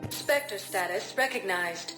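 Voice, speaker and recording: A woman voicing a calm female station computer that gives slow, formal announcements over a public address speaker. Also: mid-range voice. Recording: echoey game audio with music behind.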